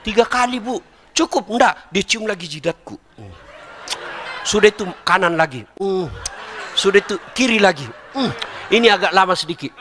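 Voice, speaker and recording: Animated high-voiced male preacher. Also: moderate pace, big-room sound, a little hiss or hum. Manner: lively, joking, addresses the audience directly. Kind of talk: humorous sermon.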